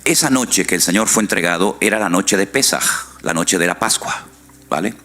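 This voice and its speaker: A very deep-voiced male pastor preaching to a congregation. He talks in a relaxed, conversational way and keeps checking in with his listeners through short tag questions. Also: moderate pace. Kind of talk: sermon.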